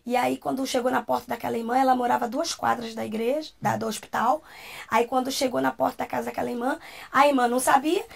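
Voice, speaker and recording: A woman's voice: on the high side, steady tone, quick pace, gravelly. A woman with a Brazilian Portuguese accent, a talk show guest, telling a personal testimony with emotion and acting out the voices she quotes.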